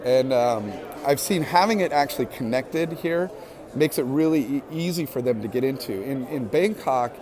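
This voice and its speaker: A man's voice: mid-range voice, moderate pace. A man giving a casual walk-through of an indoor convention expo floor, enthusing with lots of fillers as he films on a handheld phone. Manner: relaxed, filler-heavy enthusing. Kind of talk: casual walk-and-talk narration. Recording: crowd chatter from a busy hall.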